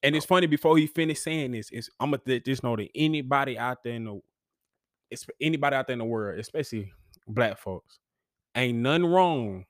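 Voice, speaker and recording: A man's voice: mid-range voice, fairly quick, dry recording. Male host, encouraging, casual chat, dry close sound. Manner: affirming, chiming in with encouragement. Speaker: podcast host.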